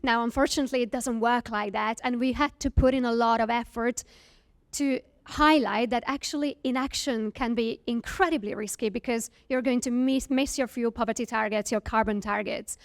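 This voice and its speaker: A Hungarian woman, a startup founder, gives an earnest presentation to an audience, using frequent fillers. Her voice is a little high, with fairly even intonation and a normal speed.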